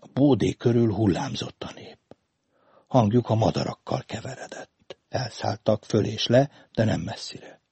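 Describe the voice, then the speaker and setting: Male audiobook narrator, measured literary reading, warm mellow tone, slightly husky, dry close sound. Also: fairly low pitch, no room sound.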